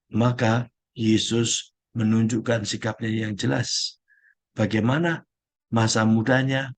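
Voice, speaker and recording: A middle-aged man, a Jesuit priest, giving a slow, gentle spiritual reflection with searching pauses. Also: mid-range voice, breathy edge.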